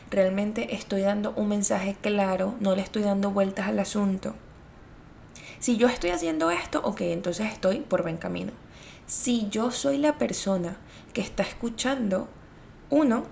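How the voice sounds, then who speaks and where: Chatty woman, gravelly edge. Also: mid-range voice, slight background noise. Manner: chatty and expressive, addresses viewers directly. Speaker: video host giving communication tips. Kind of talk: casual explainer talk.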